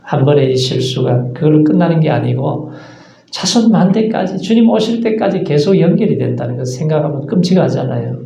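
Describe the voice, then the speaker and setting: A man's voice: on the high side, lively intonation, fairly quick, creaky, warm tone. A man preaching a sermon as pastor, earnest, asking rhetorical questions and acting out short asides. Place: church sanctuary. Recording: echoey church sanctuary.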